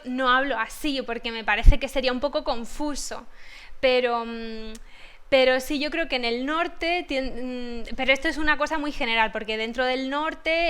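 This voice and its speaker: Andalusian woman teacher, high clear voice, thoughtful, lots of restarts, video-call interview guest. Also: sharp tone. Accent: Andalusian Spanish. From Granada, southern Spain. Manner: thoughtful, many restarts and fillers.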